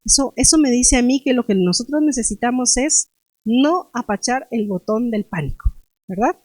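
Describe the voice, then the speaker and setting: A woman's voice: a little high, lively intonation, normal speed, darkish tone, no room sound. A woman preaching a sermon in a conversational way, asking the congregation questions and acting out frightened cries. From Guatemala. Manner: dramatic, acts out frightened cries.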